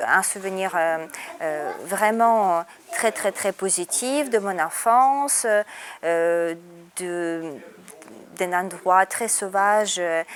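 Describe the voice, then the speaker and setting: Hesitant woman speaking French, raised in Russia. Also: on the low side. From Ukraine and Russia. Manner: hesitant, many fillers and restarts. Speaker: interviewee. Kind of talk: casual interview.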